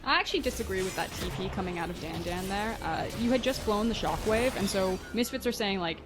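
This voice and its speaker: A woman's voice: mid-range voice, lively intonation, fast, music in the background. A woman doing color commentary on a live esports match, chatty and analytical with laughing asides.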